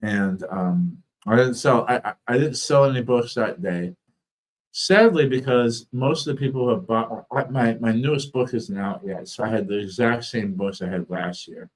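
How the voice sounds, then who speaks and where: A man's voice: medium pitch, normal speed, low-quality recording. A man with thick, slurred speech from a swollen tongue, weakened and fatigued, chatting casually on a livestream as an author and host.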